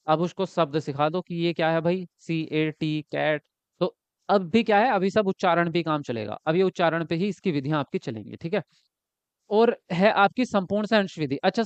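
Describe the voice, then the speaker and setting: A man's voice: sits high, clean tone, dry recording, dull audio. A man teaching an exam-prep lesson, asking questions and answering them himself, often ending points with a checking tag.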